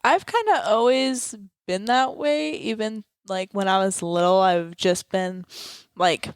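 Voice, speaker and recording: A woman's voice: mid-range voice, measured pace, clean tone, dry recording. Teen girl guest chatting easy, lots of likes, dry close mic. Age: teens. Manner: easygoing, giggly, says "like" a lot. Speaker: guest racer. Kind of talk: casual interview chat.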